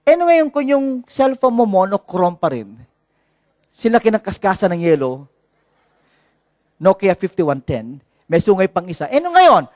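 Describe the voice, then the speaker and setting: Animated Filipino priest preaching. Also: male voice, high-pitched, moderate pace, long pauses, no echo. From Philippines. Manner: lively, mixes Tagalog and English, calls out to the congregation. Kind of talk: sermon.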